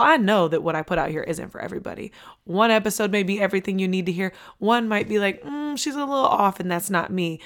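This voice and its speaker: On her motivational podcast, a woman with a hoarse, mid-range voice, worn from losing it, preaches energetically. She hammers points home by repeating key lines.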